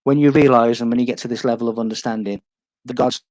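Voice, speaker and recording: A man's voice: mid-range voice, fairly even intonation, fast, a little mellow, no room sound. A man giving a lecture-style presentation over an online call, his audio crackling from a loose cable.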